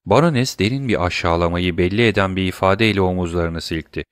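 Sesli kitap anlatıcısı, pes sesli erkek, kuru kayıt. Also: male voice, low voice, brisk, clear, resonant tone, dry recording, studio quality. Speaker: audiobook narrator. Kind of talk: scripted literary narration.

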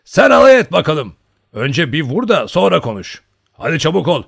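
A man voicing a loud, hearty old male Cossack hunter in an audiobook, booming and teasing. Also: big pitch swings, normal speed, creaky, slightly rough, full character voice. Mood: teasing banter. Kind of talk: audiobook character voice.

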